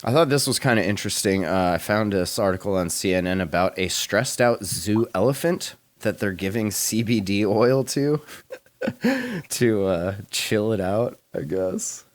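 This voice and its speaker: A man's voice: lowish voice, expressive, a little slow, dry recording. A man hosting a podcast in casual chat, laid-back and rambling, swearing and laughing often. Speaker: podcast host.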